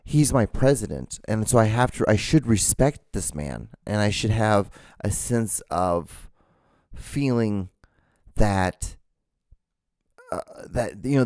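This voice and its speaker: Emphatic man with a low, warm voice. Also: dry recording, studio quality. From Honduras. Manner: emphatic, halting, many restarts and fillers. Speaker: podcast host. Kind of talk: casual monologue.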